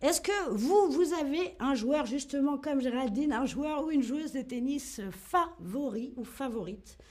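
A high-voiced woman leads a live online French lesson. She keeps it lively, acts out tennis strokes with short grunts, and turns to greet and answer viewers in the chat by name. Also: measured pace. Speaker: French teacher.

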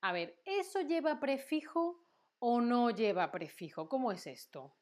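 A woman's voice: fairly high pitch, big pitch swings, a little slow, darkish tone. A woman teaching grammar in a livestream lesson, patient and repeating words to drill them. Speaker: Spanish teacher.

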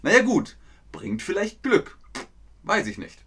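Playful slow-talking man teaching. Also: high voice, wildly swooping pitch, a bit bright. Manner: playful, talks slowly and clearly. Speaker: German teacher streaming to chat. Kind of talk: playful live-stream lesson.

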